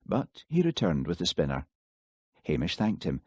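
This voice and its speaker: A man reads scripted audiobook narration at normal speed with calm, steady pacing. His voice is very low and a bit husky, captured in a dry, close recording with no room sound or echo.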